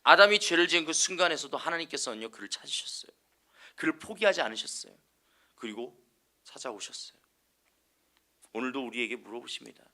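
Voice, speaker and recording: A man's voice: mid-range voice, expressive, fairly quick, long pauses, bright, forceful tone. A male evangelist preaching an earnest sermon, posing rhetorical questions to the congregation and answering them himself.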